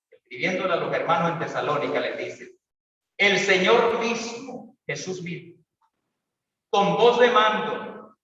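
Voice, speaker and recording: A pastor preaching an evangelistic sermon, swinging between loud calls and quiet asides. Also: male voice, a little high, slight background noise. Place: church hall. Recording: echoey church hall, distant mic, dull sound.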